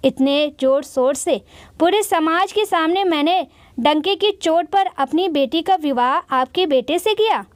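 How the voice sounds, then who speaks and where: Woman reads angry middle-aged father, accusing, high-pitched, dry close sound. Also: unhurried, dry recording. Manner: shouting accusations.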